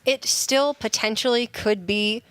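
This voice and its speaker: A woman's voice: fairly high pitch, a little slow, a bit bright, clean tone, no room sound. A woman giving analysis of a card game tournament as co-caster, thoughtful and playful. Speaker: esports analyst. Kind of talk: color commentary.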